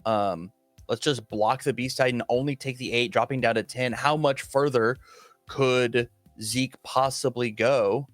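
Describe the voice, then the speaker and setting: A man's voice: medium pitch, measured pace, dry recording, soft background music. A man co-commentating a card game tournament live, talking casually and eagerly, often restarting his sentences. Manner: casual, eager, stumbles and restarts when excited.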